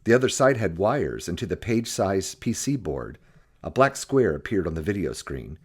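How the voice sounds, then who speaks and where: A man narrates an audiobook in an animated, scripted style, acting out the dialogue. His voice is low and husky, and he reads at a moderate pace.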